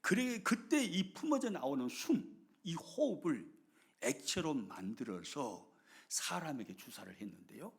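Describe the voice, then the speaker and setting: A middle-aged male pastor, preaching a sermon with dramatic swings between loud emphasis and hushed whispers. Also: a little high, big pitch swings, measured pace, husky.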